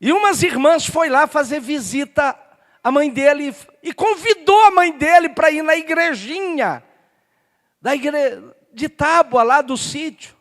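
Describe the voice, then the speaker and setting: A Brazilian man preaching a sermon as pastor, telling a story and building up to shouted passion. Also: extremely high pitch, a little slow. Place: church. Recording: long church hall reverb.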